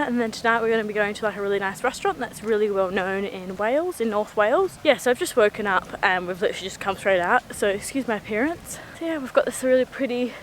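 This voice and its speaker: A woman's voice: fairly high pitch, poor audio. Chatty woman vlogging outdoors with street noise. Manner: chatty and upbeat, describing food and sights. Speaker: travel vlogger. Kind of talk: casual travel vlog. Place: outdoors and in a tea room, on the road.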